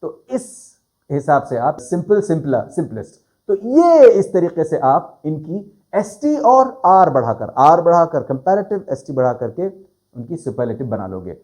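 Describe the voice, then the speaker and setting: A man teaching a grammar lesson, explaining slowly and stretching and stressing key words. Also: on the high side, sing-song, darkish tone. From South Asia. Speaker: English teacher.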